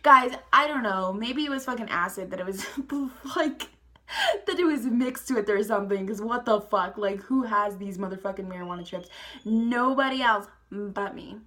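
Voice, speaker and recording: Bright-voiced young woman rambling a storytime. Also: medium pitch, normal speed. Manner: rambling, profane, laughing, lots of "like" and "guys". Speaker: storytime vlogger. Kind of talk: casual storytime vlog.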